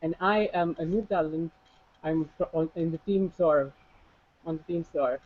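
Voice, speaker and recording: A man's voice: on the high side, normal speed. Young man on a tinny call. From India. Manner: hesitant, with restarts. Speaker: business school student and intern. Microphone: video call. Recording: tinny phone-like video call line.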